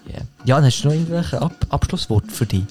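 A man's voice: on the high side, animated, fairly quick, over music. Laid-back Swiss German man hosting a podcast. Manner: laid-back, slangy, says "geil" and "nice" a lot. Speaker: podcast host. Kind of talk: casual podcast chat.

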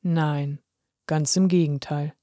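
A deep, gruff yet kindly old-fashioned conductor speaks from a children's storybook, as a woman narrator puts him on. His voice sits low and steady, reassuring and a little stern. The recording is close and dry. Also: slow, no room sound. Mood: encouraging. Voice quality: deep put-on voice. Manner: gruff but encouraging. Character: kindly male pen conductor with moustache. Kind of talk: storybook reading.

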